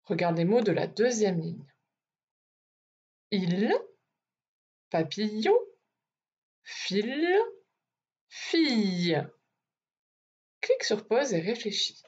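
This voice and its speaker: A woman teacher giving a phonics lesson to young children, stretching out each sound slowly and clearly. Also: mid-range voice, expressive, a little mellow, dull audio. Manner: slow, deliberate, over-articulated sounds.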